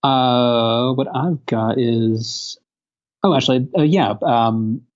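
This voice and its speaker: A man co-hosting a casual podcast in a hesitant, halting way, repeating words, over a low-quality internet call. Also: dull audio. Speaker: podcast co-host. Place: hotel room, remote call.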